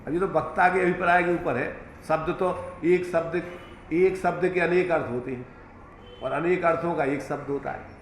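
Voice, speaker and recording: A man's voice: on the high side, steady tone, moderate pace. A man teaching a scripture class, patient and explanatory, repeating key terms and using homely examples. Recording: echoey room, faint background noise.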